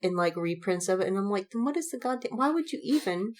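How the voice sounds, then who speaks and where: This podcast co-host talks quickly in a mid-range voice, relaying lively anecdotes with plenty of giggles. She casually dramatizes everyone's reactions as she retells each story.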